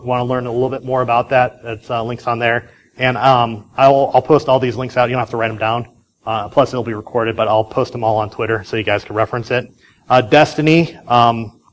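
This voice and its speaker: A man with a mid-range voice speaks at a conference in a loose, casual way. He tells his story chattily, full of fillers and quick restarts. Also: mid-range voice, poor audio.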